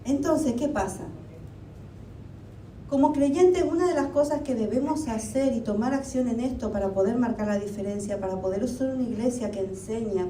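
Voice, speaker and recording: In an echoey church hall, a warm-toned Argentine woman preaches conversationally, asking rhetorical questions throughout her sermon. The microphone is some distance away, and there's a faint rumble.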